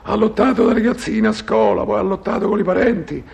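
An actor playing a dim, sentimental retired male boxer in a comedy sketch, speaking haltingly in Roman Italian dialect. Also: high-pitched, very animated, creaky, darkish tone, breathy edge, heavily acted. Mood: earnest, confused. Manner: slow-witted, halting, repetitive, easily confused. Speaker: comic character. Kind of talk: comic sketch dialogue.

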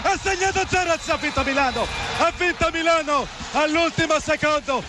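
A man giving breathless, excited Italian play-by-play commentary on basketball, dramatic and shouting, with emphatic repetition. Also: very high-pitched, moderate pace, background noise. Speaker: sports commentator. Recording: broadcast clip with loud background music.

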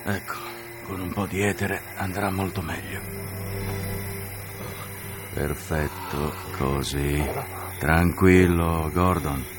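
Man as medic, extremely deep voice, slow, hushed, soothing, audio drama. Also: wildly swooping pitch, exaggerated voice. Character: calm male medic sedating a patient.

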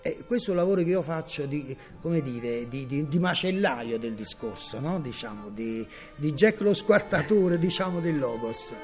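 A man's voice: mid-range voice, lively intonation, normal speed, hardly any pauses, a little mellow, faint music behind. A man who works in theatre, speaking reflectively in a radio documentary interview and searching for his words with small restarts. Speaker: theatre practitioner.

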